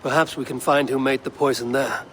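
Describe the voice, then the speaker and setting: A man's voice: mid-range voice, steady tone, brisk, a bit bright, slight background noise, lightly acted. A man voicing a terse Viking warrior. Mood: determined. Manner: terse, resolved. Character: steady grim male Viking warrior.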